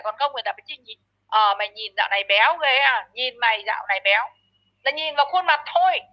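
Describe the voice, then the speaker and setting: A woman delivering a ranting commentary, scolding harshly and insultingly and often stuttering over repeated words. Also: sits high. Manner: frequent stammered repeats. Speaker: online commentator. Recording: dull lo-fi audio.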